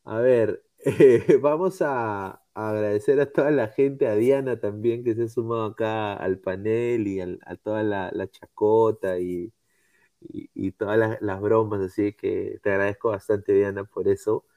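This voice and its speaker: Slow, laughing podcast host. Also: male voice, lowish voice, steady tone, mellow, no room sound. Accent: Peruvian Spanish. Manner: laughing, reading out viewer comments. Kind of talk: casual panel chat.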